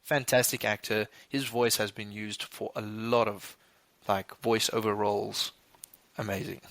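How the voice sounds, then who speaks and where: Bright rambly guy talking movies, dry close mic. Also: on the low side, flat delivery, gravelly, no room sound. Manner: rambling, restarts, quick laughs. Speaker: podcast co-host. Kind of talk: casual chat.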